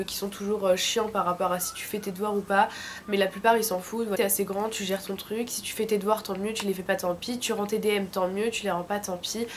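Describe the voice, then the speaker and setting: A woman's voice: mid-range voice, a little hiss or hum. A woman in her late teens from France with a thick, sore-throat voice from tonsillitis, giving informal, slangy advice in a casual vlog. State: sick with a throat infection. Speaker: vlogger.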